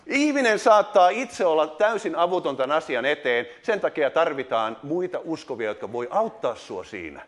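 A man's voice: fairly high pitch, very animated, hardly any pauses. A middle-aged man preaching a sermon, emphatic, with sudden rising exclamations and frequent hesitation fillers.

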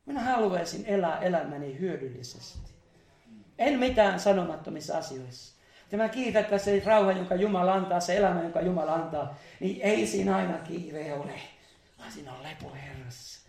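Fervent high-voiced preacher, gravelly. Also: male voice, darkish tone, echoey room. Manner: fervent, exclaims hallelujah, laughs between phrases. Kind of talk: charismatic sermon. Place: church meeting hall.

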